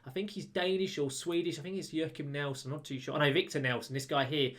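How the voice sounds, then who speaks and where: A man giving casual, chatty commentary over a football management game, getting excited when goals go in. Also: on the high side, fast talker. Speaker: gaming YouTuber. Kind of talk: let's-play commentary.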